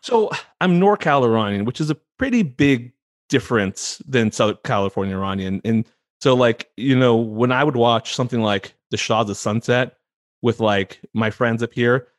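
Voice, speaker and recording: A man's voice: mid-range voice, moderate pace, dry recording. Field: chatty American man, dry close sound. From United States, San Francisco Bay Area. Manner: chatty, laughs easily, repeats words when starting a thought. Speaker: guest. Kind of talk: casual interview conversation.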